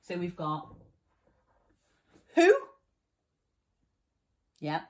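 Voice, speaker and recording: A woman's voice: lowish voice, very animated, drawn-out words. A young woman teaching a children's spelling lesson, patient and encouraging, explaining each word step by step.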